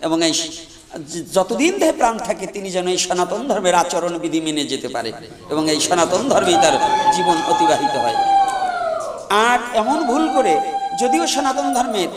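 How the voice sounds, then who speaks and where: A man's voice: high voice, wildly swooping pitch, moderate pace, a loud crowd. Fervent man preaching over echoey PA. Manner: fervent, leads chanting of a mantra. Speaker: Vaishnava preacher leading a reconversion ceremony. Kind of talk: preaching address to a village gathering. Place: outdoor village gathering, mic passed around. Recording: echoey, reverberant, distant live PA sound.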